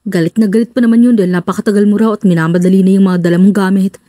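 Woman voicing a courteous male guard, pitched down. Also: steady tone, rapid-fire, mellow, no room sound, clean studio sound, close to an everyday voice. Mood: polite. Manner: polite, matter-of-fact. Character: polite male security guard.

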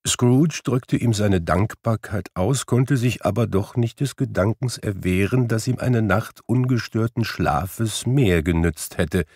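A man reading a classic Christmas tale aloud in slow, measured narration. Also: lowish voice, darkish tone, no room sound, studio quality. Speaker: storybook reader. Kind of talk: audiobook narration.

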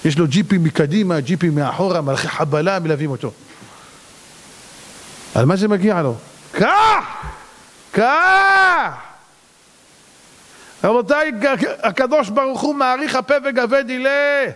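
Dramatic high-voiced rabbi in a hall. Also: male voice. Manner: dramatic, swings between cries and low asides. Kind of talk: sermon to a congregation. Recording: long hall reverb.

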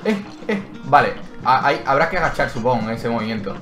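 A brisk, mid-range male voice delivers Let's Play commentary for a gaming channel. The host is excitable, yelping at every hit while reasoning aloud and reading menu text. The recording has a roomy echo and game music in the background.

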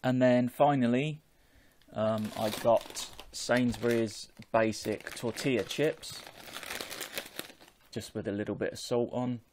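A man, talking in a measured, explanatory way as a vlogger chatting casually on an earphone microphone at home. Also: mid-range voice, fairly even intonation, a little mellow, slight background noise. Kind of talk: casual chat to camera. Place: small home room with bookshelves.

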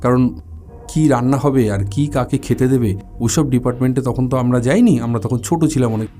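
A man tells a first-person ghost story in an easy, conversational manner, now and then dropping in English words. His voice is mellow and warm, at an ordinary middle pitch. Faint music plays underneath. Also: brisk.

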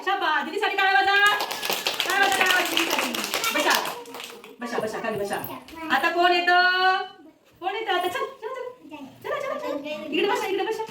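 A woman's voice: very high-pitched, lively intonation, normal speed, long pauses. A woman teaching a preschool class, coaxing the children with repeated questions. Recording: echoey, distant, noisy room.

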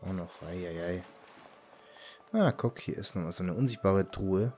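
A man casually commenting on his gameplay as a let's play host, relaxed and often muttering asides to himself. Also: low-pitched, normal speed, soft background music.

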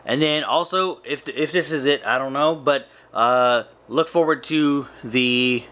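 A man in his thirties, vlogging casually in a small hotel room late at night, talking slowly and rambling with lots of fillers because he is very tired. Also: medium pitch, pushed and bright. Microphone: handheld camera close to face.

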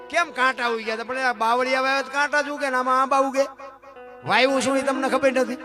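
High-voiced storyteller man. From Gujarat. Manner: preachy, keeps addressing the crowd as "bapu", rises into loud rhythmic chanted recital. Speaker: folk storyteller. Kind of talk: live folk dayro storytelling with moral talk. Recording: live stage recording with music behind. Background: loud accompanying music.

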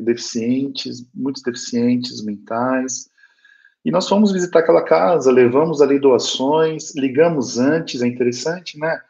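A man's voice: a little high, darkish tone. A Brazilian man giving a spiritist lecture, telling a personal story with earnest feeling and often turning to speak directly to his listeners. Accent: Brazilian Portuguese. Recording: dull lo-fi recording.

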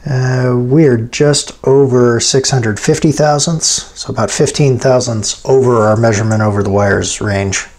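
A man's voice: mid-range voice, fairly even intonation, unhurried, hardly any pauses, darkish tone. A man hosting a machining tutorial, explaining hands-on steps in an informal, folksy way. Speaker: host of a machining how-to channel. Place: home machine shop, indoors at a lathe.

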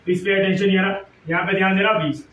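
A man's voice: high-pitched, level tone, normal speed, a bit bright, a little hiss or hum. A man with an Indian accent lecturing a physics class in a classroom. He mixes Hindi with English and keeps quizzing the students. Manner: quizzing students, repeating questions. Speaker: physics teacher. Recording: echoey room, mic at a distance.

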